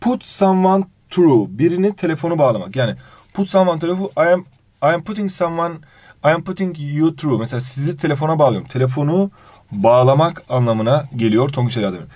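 A man's voice: fairly high pitch, a little fast, no room sound. A man teaching an exam review lesson, reading out English phrases and translating each one while fondly addressing his student. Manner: animated intonation.

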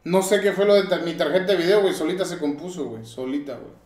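A man's voice: fairly high pitch, fast talker, darkish tone. A man in his thirties with a Mexican accent, doing casual, slangy and profane gameplay commentary. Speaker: game streamer. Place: indoor room. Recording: roomy, faint game noise.

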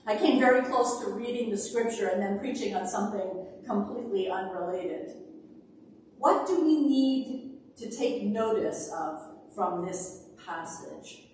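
A middle-aged woman minister reading scripture and preaching at a pulpit in a large church sanctuary, with measured, emphatic phrasing. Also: a little high, a little hiss or hum. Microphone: far camera, speaking at a pulpit. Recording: echoey church from a distance.

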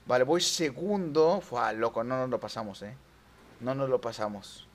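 A young man with a Mexican accent commentating his own online racing gameplay, excitable and yelping at near misses. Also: mid-range voice, normal speed. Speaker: gaming YouTuber.

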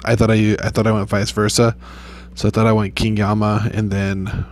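A young gaming YouTuber talks casually over his mobile gameplay, rambling in a laid-back way with a flat, low-key voice and loose swearing. He speaks at a moderate pace over slight background noise.

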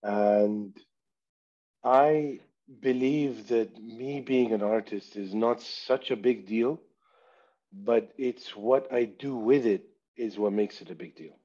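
A slow, mellow man from Saudi Arabia with a fairly low voice speaks reflectively as an artist guest in a video call interview, referring to himself in the third person. He's in a small indoor room on a headset, and the call audio sounds dull and lo-fi.

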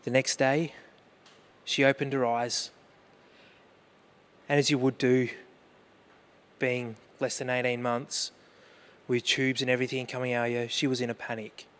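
A man's voice: medium pitch, little pitch movement, unhurried, long pauses, clear, resonant tone. Earnest male pastor preaching. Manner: earnest, asks the congregation questions; personal storytelling about grief. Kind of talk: sermon.

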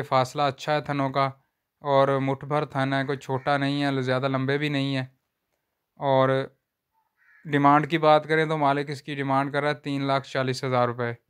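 A Pakistani man who vlogs as a livestock seller films cattle for sale on a farm with a handheld phone outdoors, giving viewers a casual, unhurried walkthrough in plain sales talk. His voice is smooth, a little high and a bit bright, and he often repeats a stock religious phrase.

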